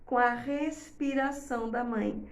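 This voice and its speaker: Woman host, gravelly voice, echoey room, chatty advice-giver. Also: a little high, fairly even intonation, slow. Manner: explains step by step, often checks in with "tá?". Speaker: host giving advice to mothers. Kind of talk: casual advice talk to viewers.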